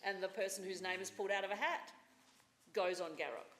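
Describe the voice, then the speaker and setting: Woman mayor chairing, low voice, brisk, echoey chamber with faint hiss. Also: fairly bright tone. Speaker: mayor chairing council meeting. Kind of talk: formal council meeting procedure. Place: council chamber. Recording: roomy chamber sound.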